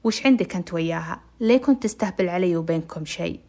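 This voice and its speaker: A woman voicing an impatient, bossy young woman who scolds loudly in Arabic. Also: fast, lightly acted. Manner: loud, scolding, raised pitch.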